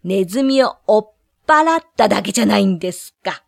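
A woman's voice: mid-range voice, lively intonation, fairly quick, vocal fry, a little mellow, dry recording, studio quality. A woman voicing a flustered middle-aged male town mayor who stammers and hesitates.

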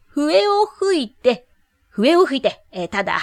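A nervous, evasive storybook mayor, voiced by a woman, tripping over his words with many hesitations. His pitch jumps around while he stalls, and the recording is close and dry. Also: big pitch swings, takes it slowly, creaky, no room sound, heavily acted. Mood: flustered. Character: flustered stammering town mayor, middle-aged man.

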